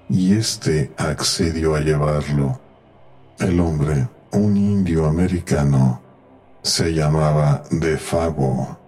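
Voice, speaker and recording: A man reading a horror tale aloud in a slow, grave storytelling manner. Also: rumbling low, dark tone. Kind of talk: scripted horror narration. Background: faint eerie background music.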